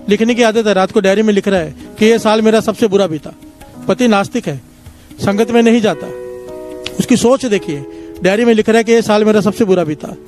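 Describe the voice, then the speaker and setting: A man's voice: high voice, a little mellow. A man giving a devotional sermon, telling parables and repeatedly leading the congregation in a call-and-response chant. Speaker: satsang preacher.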